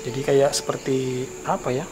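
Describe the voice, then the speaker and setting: A man's voice: mid-range voice, steady tone, moderate pace, over music. A man hosting a casual night exploration vlog, speaking hesitantly as he searches for words. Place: school building at night. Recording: clear night insect noise behind.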